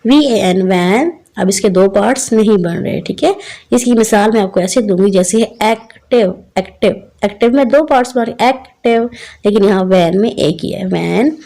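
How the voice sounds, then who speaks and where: A woman teacher explaining a children's English textbook, reading each line slowly and then explaining it to young pupils. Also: mid-range voice, dark tone. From Pakistan. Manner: addresses children as beta and bachchon.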